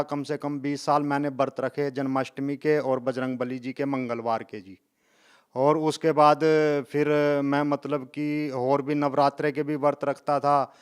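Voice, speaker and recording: Earnest middle-aged man, smooth clear voice. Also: fairly high pitch. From Haryana, India. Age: 50s. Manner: earnest, speaks in short phrases ending with "ji". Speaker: interviewee, devotee. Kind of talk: testimony interview.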